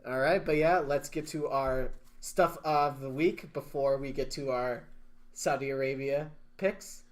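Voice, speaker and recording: A man co-hosting a wrestling podcast, talking excitedly, laughing often and leading the segments. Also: mid-range voice, unhurried. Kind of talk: casual chat.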